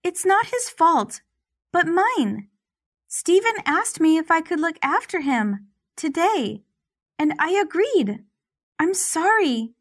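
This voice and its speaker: A woman's voice: very high voice, sing-song, slow, no room sound, clean studio sound, voice pushed up, full character voice. A woman voicing a timid, frightened young woman who speaks in a shaky, apologetic way, in an audiobook.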